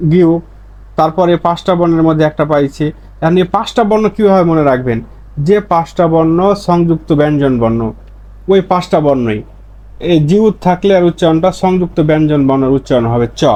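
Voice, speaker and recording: A man with a somewhat high voice teaches a pronunciation lesson. He is patient, repeats each example slowly, and asks himself questions before answering them. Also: mellow. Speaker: language teacher.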